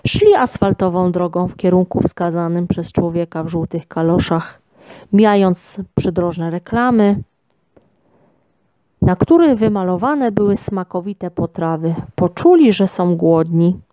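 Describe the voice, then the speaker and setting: A woman reads a children's storybook aloud with expressive, measured narration. Her pace is slow and her tone warm and mellow. The recording is close and dry. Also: fairly low pitch, dry recording. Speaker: reader. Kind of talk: storybook reading.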